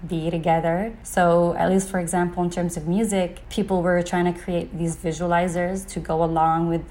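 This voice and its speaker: A young woman from Saudi Arabia, a guest on a podcast, speaks in a slightly low voice. She tells her story in easygoing interview talk, dropping "like" and "you know" as she goes. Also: mellow, slight background noise. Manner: conversational, peppered with "like" and "you know".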